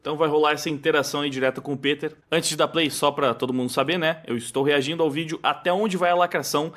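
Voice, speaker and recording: A man with a Brazilian Portuguese accent hosting a react video in casual, digressive commentary. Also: fast talker. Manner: chatty, digressive, lively pitch swings.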